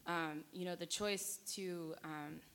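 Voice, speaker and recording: A woman's voice: on the low side, fairly even intonation, slow, a bit bright. A woman in her twenties speaking as a panelist and organizer, hesitant, with frequent fillers and restarts. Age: 20s. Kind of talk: panel talk.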